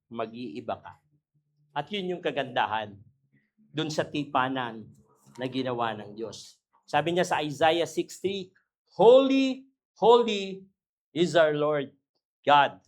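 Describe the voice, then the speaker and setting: A Filipino-accented man preaching a sermon with lively energy. His voice sits at an average pitch and jumps between loud, emphatic lines and soft, low asides, often breaking into laughter at his own stories. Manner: mixes English Bible phrases into Tagalog preaching. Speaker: pastor.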